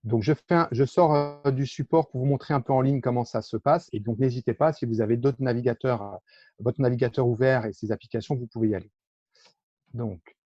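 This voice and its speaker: A man's voice: mid-range voice, breathy edge, dry recording, muffled recording. A man presenting an online workshop while sharing his screen, explaining steps in a hesitant way with many fillers. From France.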